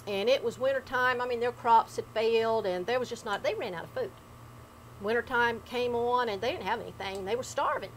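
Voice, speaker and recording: A woman's voice: fairly high pitch, fairly quick, rough recording. Woman, Appalachian accent, dramatic dialect storytelling, folksy, faint background noise. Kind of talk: oral folk storytelling in dialect.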